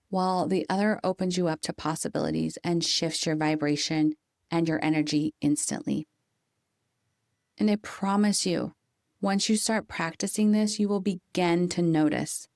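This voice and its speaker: A woman hosting a podcast, giving a calm, coaching motivational talk with deliberate, slowed emphasis. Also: fairly low pitch, no echo, studio quality. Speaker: podcast host. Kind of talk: scripted motivational monologue.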